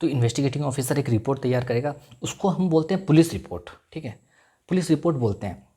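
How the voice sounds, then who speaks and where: A man's voice: mid-range voice, mellow, slightly rough. Man lecturing with quiz-style repetition. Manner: repeats key terms as call-and-response questions; mixes in English legal phrases, drawn out slowly. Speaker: law lecturer. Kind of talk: classroom lecture.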